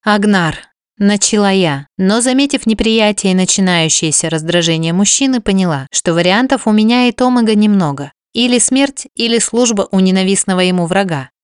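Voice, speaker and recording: Woman reading a novel out loud, smooth clear voice, dry close sound, even pacing. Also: medium pitch, a little fast, few pauses, no echo. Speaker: audiobook narrator. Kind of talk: first-person novel narration.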